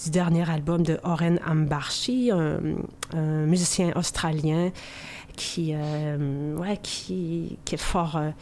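A woman's voice: deep voice, fairly even intonation, slow pace, darkish tone. A woman columnist on a radio arts show, chatting casually with some hesitations. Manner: hesitant, trailing fillers.

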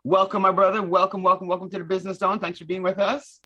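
A man's voice: high voice, level tone, quick pace, sharp tone, muffled recording, soft background music. A man hosting community radio in a welcoming way, repeating phrases for emphasis. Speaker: radio show host.

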